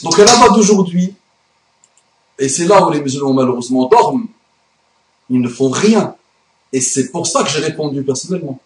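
Here a fairly high-pitched male voice with a darkish tone carries an indignant religious commentary monologue. The speaker, a YouTube commentator and native Arabic speaker, is emphatic throughout, and the recording has roomy echo.

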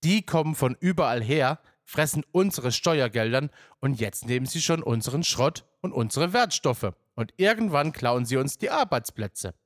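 A man's voice: mid-range voice, expressive, normal speed, no room sound, studio quality, lightly acted. A man voicing a resentful middle-aged male scrapyard worker who rants indignantly. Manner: indignant, ranting.

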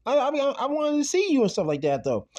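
A man's voice: extremely high pitch, very animated, quick pace, darkish tone, pitched above the performer's own voice. A man voicing an estranged father who earnestly pleads with his son, in a podcast recap. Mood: pleading.

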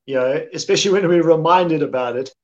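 A man's voice: fairly high pitch, fast. A man from Africa, chatting casually on a podcast, earnest and repeating phrases for emphasis. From South Africa. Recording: muffled lo-fi audio.

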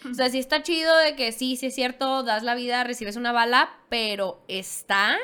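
A woman with a Mexican accent in casual chat, animated and slangy, her voice jumping upward as she tells a story. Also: normal speed, clean tone. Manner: animated, slangy, swoops up in pitch.

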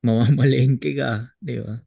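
A Filipino man co-hosting a podcast over a video call, teasing his partner in easygoing banter. His voice is gravelly with plenty of fry, and the sound is dry and a little dull. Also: medium pitch, fairly even intonation, measured pace, dry recording. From Philippines. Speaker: podcast co-host. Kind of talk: casual chat.

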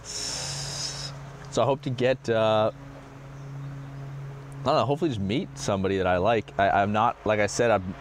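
A man in his twenties answering interview questions casually, halting often with fillers. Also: lowish voice, slight background noise. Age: 20s.

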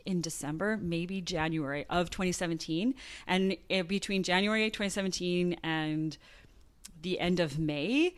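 A woman's voice: lowish voice, clean tone, dry recording. A woman in her thirties from Canada, talking animatedly as an interview guest with frequent laughs and fillers. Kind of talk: conversational interview.

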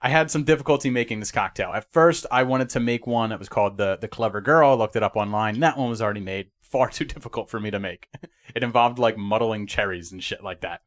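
A man's voice: on the low side, fast talker. A man hosting a casual movie podcast, joking and laughing often as he talks. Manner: animated, laughs often, jokey. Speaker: podcast host. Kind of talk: casual chat.

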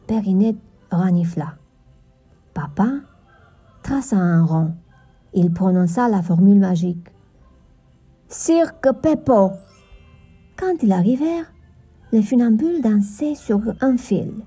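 Woman narrator, children's story, very dark breathy voice, slow, faint music. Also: medium pitch, expressive. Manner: gentle storytelling.

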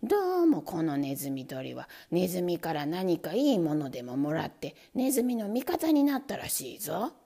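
A woman voicing a gruff, hot-tempered grown man who grumbles in a low voice. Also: very animated, moderate pace, a little mellow, heavily acted. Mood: grumbling. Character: gruff angry grown man, red-faced householder.

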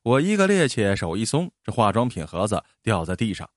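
Male storyteller, lively expressive delivery, mid-pitched voice, dry close sound. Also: fairly quick, no room sound. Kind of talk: first-person story narration.

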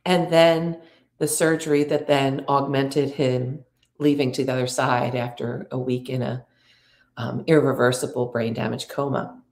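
A middle-aged woman hosting an inspirational talk, speaking in slow, drawn-out, reflective phrases and inviting the listener to breathe. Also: a bass voice, little pitch movement, darkish tone, echoey room. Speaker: podcast host and spiritual coach.

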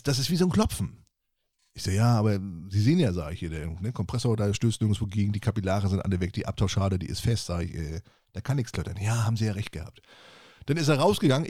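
A man's voice: mid-range voice, darkish tone, dry recording, clean studio sound. A man co-hosting a casual podcast, telling rambling anecdotes from his service job and acting out both sides of the dialogue. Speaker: podcast co-host, appliance service technician. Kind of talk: casual chat, storytelling.

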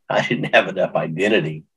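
A man's voice: deep voice, moderate pace, a bit bright, breathy edge, low-quality recording. A middle-aged man recounting a personal testimony in an interview, earnest and emotional, often restarting his sentences. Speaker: guest.

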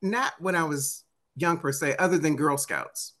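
A woman in her fifties speaks with a Washington DC accent. Her voice sits a little low but has a bright, forceful edge. She tells personal stories in a conversational way, acting out dialogue as she goes. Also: unhurried. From United States, Washington DC area. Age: 50s. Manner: acts out remembered dialogue. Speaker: interview guest, author and motivational speaker. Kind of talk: animated conversational storytelling.

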